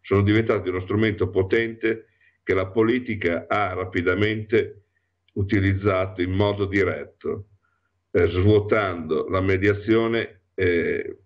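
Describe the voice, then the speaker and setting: A man with a very low voice hosts a reflective radio monologue while ill from allergies. He talks slowly and haltingly, filling gaps with hesitations. The audio is dull and lo-fi. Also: steady tone. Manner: halting, with many pauses and fillers. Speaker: radio host.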